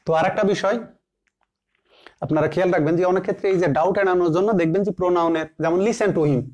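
A man teaching English grammar, slowly repeating example sentences word by word and answering his own questions. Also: high voice, steady tone, darkish tone. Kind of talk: classroom grammar lesson.

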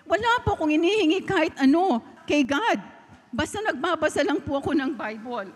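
A woman's voice: sits high, animated, moderate pace, a little hiss or hum. A middle-aged woman from the Philippines with a Filipino accent, giving a heartfelt sermon testimony and slipping in English phrases. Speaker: preacher. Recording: long reverb of a hall.

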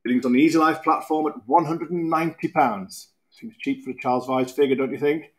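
A man in his thirties with a British accent, working as an auctioneer at a podium, calling bids in a brisk, repetitive rhythm with quick asides. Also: a little high. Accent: British English. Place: auction room podium, indoors.

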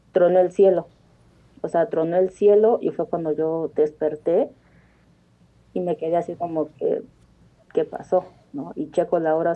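A woman speaks over a thin, tinny phone line, her voice sitting slightly low. She tells her story earnestly, circling back with restarts and fillers. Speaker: caller. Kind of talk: telling a personal story on a phone-in show.

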